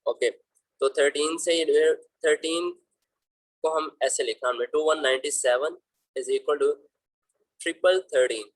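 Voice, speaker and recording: A man with a fairly high-pitched voice teaches school math slowly, leaving long pauses as he explains problems over slides step by step. Patient and fatherly, he fondly calls his students "beta." The recording is dry and low in quality.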